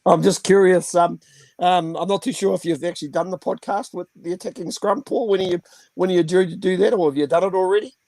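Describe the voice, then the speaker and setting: High, mellow New co-host. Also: male voice, fairly even intonation, fast, dry recording. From New Zealand. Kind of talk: casual rugby chat.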